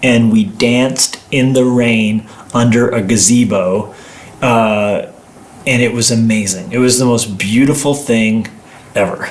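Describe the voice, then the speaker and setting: A man's voice: medium pitch, fairly even intonation, measured pace, a little hiss or hum. A man chatting casually as co-host of a livestream, telling stories in a playful, rambling way. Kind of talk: casual livestream chat with partner. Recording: roomy, echoing indoor sound.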